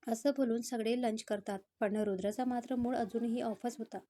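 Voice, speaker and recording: Woman storyteller, steady reading, slightly high and mellow. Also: normal speed. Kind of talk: scripted story narration.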